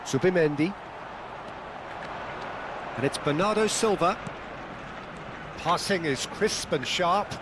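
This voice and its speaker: A man giving broadcast-style football play-by-play commentary in a lively, energetic manner. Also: high voice, slow pace, long pauses, background noise. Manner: lively, building to excited calls.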